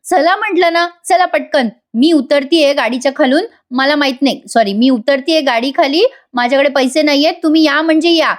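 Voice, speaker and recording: A woman's voice: high-pitched, brisk, hardly any pauses, pitched above the performer's own voice, close to an everyday voice. A woman voicing a playful, impulsive young woman who teases her husband and mixes in English phrases. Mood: teasing. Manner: teasing, excitable, mixes in English.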